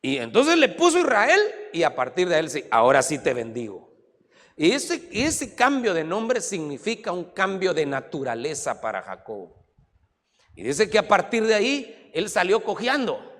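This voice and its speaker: A man pastor preaches with animated swings between booming exclamations and hushed asides. His voice sits a little high and moves constantly in pitch. A long hall reverb trails behind every line. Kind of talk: sermon.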